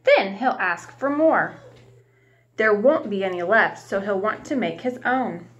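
Sounding like a warm preschool teacher, a young woman reads a picture book to small children, asking questions and pausing for them. Her mid-range voice is animated. The webcam recording, made at arm's length in a small home room, is muffled with a little hiss or hum.

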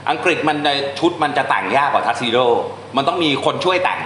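A male translation teacher giving an informal classroom lesson, talking through examples step by step and reading English lines slowly. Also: medium pitch, very animated, fairly bright tone, roomy sound, slight background noise.

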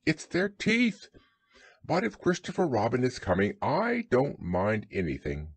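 A man's voice: mid-range voice, wildly swooping pitch, a little slow, husky, dry recording, exaggerated voice. A man voicing a small, timid, anxious piglet in a storybook, earnest and worried.

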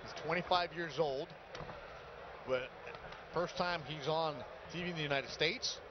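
Highish male boxing commentator, noisy arena. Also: unhurried. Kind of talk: live sports broadcast commentary. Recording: dull broadcast audio, arena noise behind.

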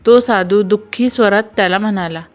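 A woman with a Marathi accent reading jokes aloud, giving each character a quick voice and laughing lightly at the punchlines. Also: mid-range voice. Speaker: joke narrator. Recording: faint background music.

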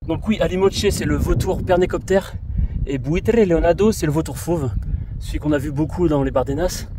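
Recorded on an action camera or smartphone, a French man offers casual travel-vlog commentary as he hikes a mountain trail, musing aloud and exclaiming over birds of prey. He speaks at a moderate pace in a slightly high voice.

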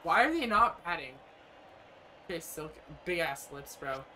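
A young man giving casual, profane commentary on his own gameplay from a small room, rambling and often breaking into loud yells. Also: a little high, sing-song, a little slow, slight background noise. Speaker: gaming streamer.

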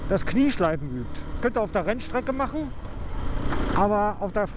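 A German-accented man talks casually into a helmet mic while out on a motorcycle ride, wandering through his points with plenty of fillers. His voice sits high for a man. Loud road and engine noise runs under everything he says. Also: very animated, unhurried. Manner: rambling, many fillers and restarts. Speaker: motovlogger. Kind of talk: casual vlog monologue.

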